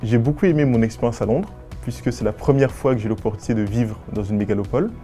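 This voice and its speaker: A nineteen-year-old man from West and Central Africa, a business school student giving formal, measured and articulate interview answers. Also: medium pitch, over loud music. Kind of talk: prepared interview answers to camera.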